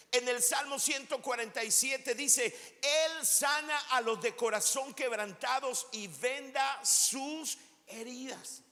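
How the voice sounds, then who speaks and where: A male pastor preaching a sermon, emphatic, stretching some phrases out slowly and bursting into shouts. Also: very high voice. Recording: long hall reverb.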